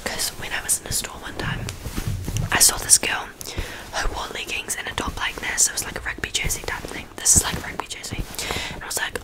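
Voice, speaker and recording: Sitting close to a studio mic on a stand in her small bedroom, a young woman with a New Zealand accent whispers a meandering ASMR chat peppered with ums. She talks slightly quickly, and the recording sounds rough.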